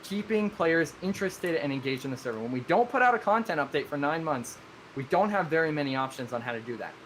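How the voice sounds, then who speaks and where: A man's voice: fairly high pitch, animated, fast, fairly bright tone, a little hiss or hum. A man who runs a game server, explaining his rules earnestly in a live-streamed discussion, rambling and often restarting his sentences. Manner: earnest, rambling, self-correcting with many restarts.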